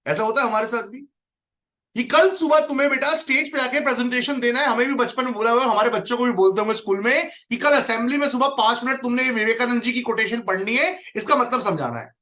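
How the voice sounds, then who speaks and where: High-voiced emphatic male motivational trainer. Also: fast talker, sharp tone. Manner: emphatic, repeats key phrases and calls out listeners by name. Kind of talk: motivational training talk to an online audience.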